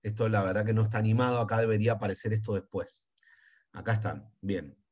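Chatty Argentine male teacher, low voice. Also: fast talker, a little mellow, husky, dull audio. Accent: Argentine Spanish. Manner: chatty, enthusiastic, asides under his breath. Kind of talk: online chemistry class.

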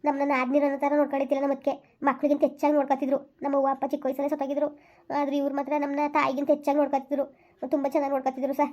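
Woman doing gentle village sister, soft consoling words, very high flat voice, quick. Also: lightly acted. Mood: sorrowful. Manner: soothing, sorrowful.

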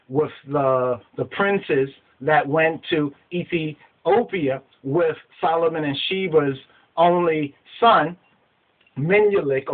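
A middle-aged man teaching scripture to a webcam in a small room, animated and gesturing, often repeating words as he searches for the next one. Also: fairly high pitch. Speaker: religious teacher. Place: small indoor room with whiteboard. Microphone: webcam at desk. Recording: tinny phone-like webcam audio.

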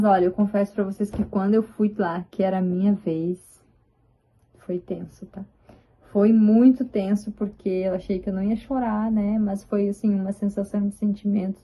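A woman vlogger chatting excitedly as she shows her photo album, with drawn-out exclamations. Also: mid-range voice, husky. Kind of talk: casual chat showing a photo album. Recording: tinny, phone-like sound.

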